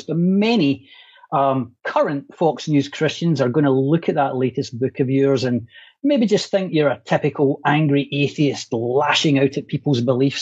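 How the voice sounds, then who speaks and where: Husky and darkish in a mid-range voice, this male host brings on his online-talk guest with dry, jokey humor. He's heard through a video call with dull, lo-fi audio quality.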